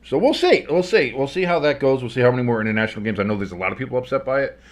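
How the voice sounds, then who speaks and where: A man's voice: medium pitch, animated, racing. Tinny-sounding man doing casual sports play-by-play. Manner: casual, sardonic, blunt. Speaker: sports play-by-play commentator and stream host. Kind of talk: play-by-play commentary mixed with casual chat. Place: kitchen, not a studio.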